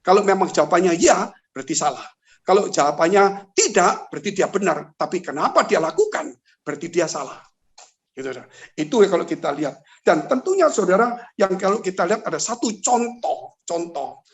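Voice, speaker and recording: A man's voice: sits high, a little fast. A man, a pastor, teaching in a church talk show, speaking to his listeners directly with rhetorical questions and acting out the stories he tells. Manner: animated, rhetorical questions, addresses listeners as brothers and sisters; storytelling with vivid acted-out exclamations.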